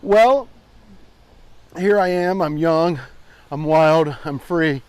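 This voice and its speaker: Slow-paced and a little mellow, this American man's voice rides on the high side, with a clean tone and no room sound. In his forties, he hosts a rambling, comedic walking vlog on an outdoor trail, casually irreverent and swearing freely.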